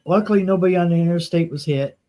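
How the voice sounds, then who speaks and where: High-pitched but dark in tone, this man talks fast. He's from Ohio and tells casual stories in a rambling, folksy way, repeatedly circling back over his phrases.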